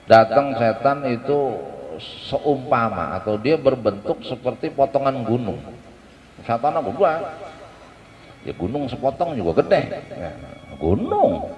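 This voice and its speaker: A man preaching in a mosque, telling a story in lively casual speech and switching between recited text and slang. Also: mid-range voice, unhurried, pauses often. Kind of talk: sermon storytelling. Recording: echoey mosque room.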